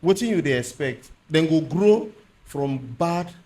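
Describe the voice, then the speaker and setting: A man's voice: fairly high pitch, lively intonation, unhurried, darkish tone, a little hiss or hum. A man with a Nigerian accent discussing things on a podcast panel, mixing Nigerian Pidgin with English.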